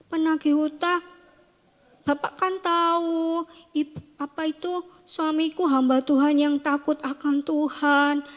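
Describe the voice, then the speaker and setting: A woman's voice: extremely high pitch, fairly bright tone, pitched above the performer's own voice, heavily acted. A woman voicing a poor widowed mother who pleads tearfully for help, in a reverberant hall.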